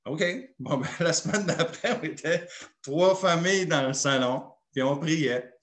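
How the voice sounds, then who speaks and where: A man's voice: fairly high pitch, a little slow, a bit bright, echoey room. A man with a Québécois French accent, a pastor telling a personal story in a sermon and acting out the dialogue. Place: church.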